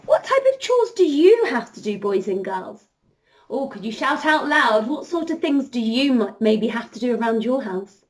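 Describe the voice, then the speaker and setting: A princess entertainer with a voice on the high side tells young children an interactive story at normal speed. She speaks directly to the kids, lively and encouraging.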